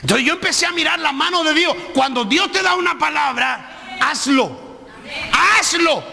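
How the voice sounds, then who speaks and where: A man preaches with lively, shouting emphasis. His voice sits very high and has a gravelly edge with a bright, tense tone. The live church recording carries a long hall reverb. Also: a little fast. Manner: animated preaching, shouting key words. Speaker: pastor. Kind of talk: sermon.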